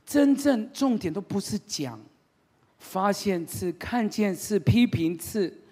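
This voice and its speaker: A man's voice: sits high, lively intonation, slow pace, mellow. A male pastor preaching a sermon, telling stories with humor and emphatic, repetitive lines.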